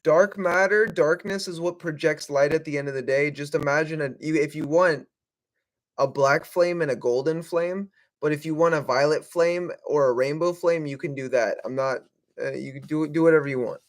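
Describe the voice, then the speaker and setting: A man with a fairly high voice talks like a casual spiritual coach. His delivery is informal and slangy, rambling along as he hosts. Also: moderate pace. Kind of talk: casual, rambling livestream talk.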